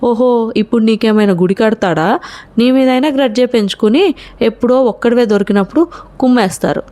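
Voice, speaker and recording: A woman voicing a sharp-tongued young college woman who is sarcastic and quick-tempered. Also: medium pitch, lightly acted.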